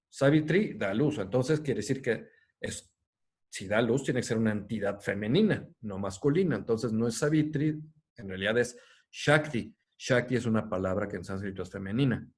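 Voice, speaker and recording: Man lecturing on a text, animated. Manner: lively delivery with many fillers, slows and lifts pitch on quoted lines. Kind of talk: academic lecture, reading and explaining a text.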